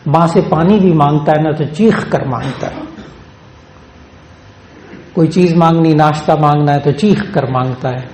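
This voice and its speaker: A man's voice: mid-range voice, darkish tone, a little hiss or hum. A male Islamic scholar giving a sermon, repeating phrases for emphasis and reciting verses in a melodic chant. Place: Lahore. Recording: echoey hall with faint ambience.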